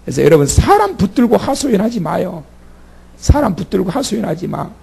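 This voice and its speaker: A man preaching to his congregation in a church, with a gravelly, husky voice that sits a little high for a man. He talks the sermon through conversationally, asking questions and having the listeners repeat phrases after him. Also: sing-song, brisk, a little mellow. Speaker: pastor. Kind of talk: sermon at a prayer meeting. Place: church sanctuary.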